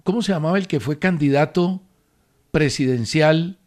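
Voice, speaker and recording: A man's voice: a little high, normal speed, a little mellow. Insistent sports radio man. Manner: insistent, quizzing his co-host. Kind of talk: casual sports talk.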